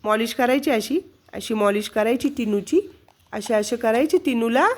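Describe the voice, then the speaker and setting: A woman's voice: on the high side, moderate pace. A woman in a casual home vlog, talking in coaxing baby talk to her pet parrot. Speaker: vlogger.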